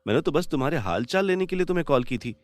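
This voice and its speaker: A man voicing a soft-spoken remorseful young man. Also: fairly high pitch, expressive, rapid-fire, no echo, natural voice. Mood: calm. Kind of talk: animated storybook drama.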